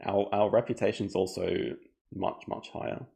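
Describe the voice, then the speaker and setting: A man streaming a board game live, thinking aloud in a relaxed, chatty way. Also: fairly low pitch, normal speed, creaky. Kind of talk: casual live game commentary.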